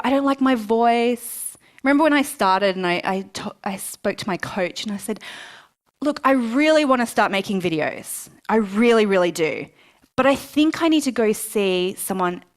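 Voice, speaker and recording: At a book launch, a woman with a slightly high voice gives a live motivational talk in an event room. She is lively, chatty and self-mocking, acting out her past thoughts by quoting herself in asides.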